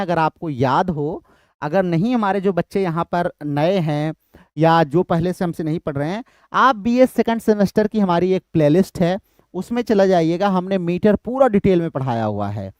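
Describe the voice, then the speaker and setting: A man's voice: high-pitched, a little mellow, smooth, dry recording, clean studio sound. A man teaching literature for exam prep, explaining step by step, repeating key terms and answering his own questions.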